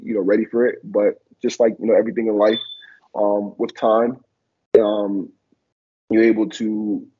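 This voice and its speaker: Speaking from a small room over a laptop camera, this former college football player, a Liberian-born young adult who grew up in Philadelphia, talks reflectively with plenty of fillers in a casual video call interview. His voice is on the low side, warm, and husky. The call audio sounds dull and lo-fi.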